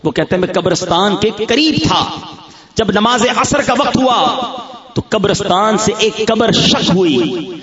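High-voiced preacher in an echoing hall. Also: male voice, expressive, a crowd in the background. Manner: fervent, addresses listeners as brothers, acts out dialogues. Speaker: preacher at a religious gathering. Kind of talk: emotional sermon with storytelling. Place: large gathering near a graveyard. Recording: roomy, slightly dull broadcast recording.

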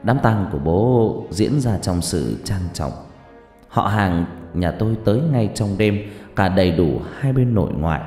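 A man's voice: low-pitched, expressive, a little slow, dark tone. A man narrating a sad first-person ghost story in a mournful, emotional way. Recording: echoey reverb with faint music.

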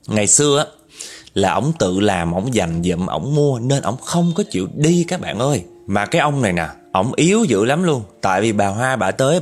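A man's voice: medium pitch, slightly rough. A man with a Southern Vietnamese accent telling a ghost story in a chatty way, talking straight to his listeners. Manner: chatty, addresses listeners directly.

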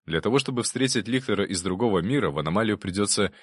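Low guy reading a first person audiobook, wry and dry, lots of pitch swing. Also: expressive, fast talker, husky, dry recording. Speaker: audiobook narrator.

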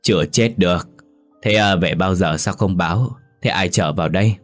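A man voicing a frail old father with a gruff, slightly choked voice. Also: low voice, moderate pace, faint music behind, close to an everyday voice.

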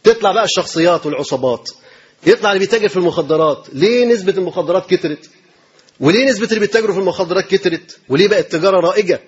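An Egyptian sheikh gives a colloquial religious sermon at a quick, animated clip, his voice high and husky. He hammers his points home with rhetorical questions and repetition. The audio sounds dull and lo-fi.

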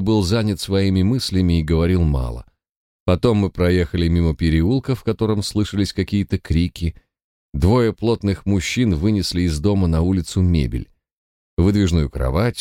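A man reading an audiobook, narrating in a measured, even storyteller's manner. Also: low voice, no echo, clean studio sound. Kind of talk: scripted narration.

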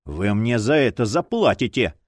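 A man's voice: mid-range voice, big pitch swings, moderate pace, husky, no echo, clean studio sound. A man playing a desperate, roaring detective. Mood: furious. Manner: roaring, pleading. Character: desperate furious male detective.

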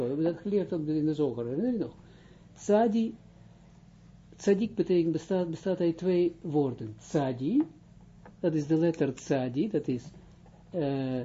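Slow, husky man teaching a religious lesson. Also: fairly high pitch, warm tone. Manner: slow, halting, many restarts while translating and explaining. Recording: dull lo-fi recording.

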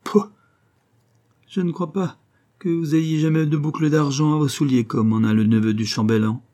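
A man's voice: on the high side, fairly even intonation, moderate pace, mellow, voice pushed up, natural voice. A man reading the lines of a scornful, haughty young woman in a storybook. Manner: scornful, disdainful. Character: proud haughty young woman, professor's daughter.

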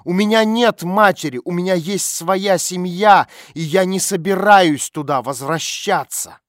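A man voicing an angry, defiant teenage runaway girl who shouts back sharply in an audiobook. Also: sits high, animated, normal speed, no echo, studio quality, pitched above the performer's own voice. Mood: angry shouting. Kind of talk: audiobook character voice.

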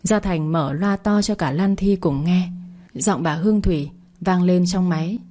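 A woman narrating a serialized story in a steady, even reading. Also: on the low side, unhurried.

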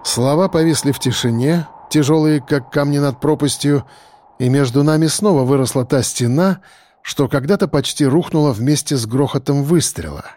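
A man narrating first-person fiction in a measured, grave way, in an audiobook. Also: on the high side, mellow. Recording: roomy reverb, faint noise.

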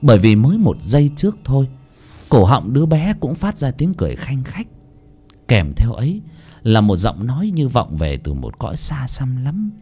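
A man's voice: medium pitch, huge pitch swings, normal speed, dark tone, slightly rough. A man narrating a horror story audiobook in a dramatic, suspenseful manner.

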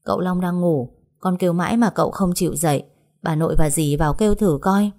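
An obedient young housemaid calling through a door, as a woman storyteller puts her on. Her dutiful voice is low and mellow. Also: a little fast, lightly acted.

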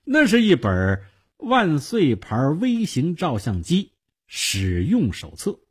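Man, radio novel narration, husky, highly expressive pitch. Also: slow pace. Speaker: storyteller.

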